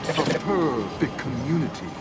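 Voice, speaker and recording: A man's voice: medium pitch, expressive, measured pace, over loud music. An actor voicing a controlling male AI program in a video game, glitching and stammering over broken syllables. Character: glitching male AI priority set, greedy, controlling. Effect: glitching, stuttering machine voice. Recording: distant game audio with loud noise.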